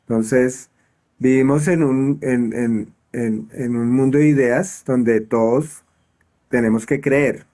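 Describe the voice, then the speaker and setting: A man's voice: mid-range voice, fairly even intonation, slow, warm tone. A man talking reflectively in a conversation, often stumbling and repeating words while he thinks.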